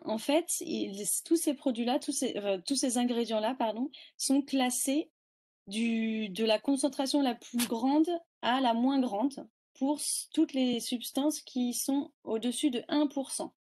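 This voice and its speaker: A woman's voice: a little high, a little mellow. A woman giving a webinar presentation, explaining terms step by step with frequent hesitations.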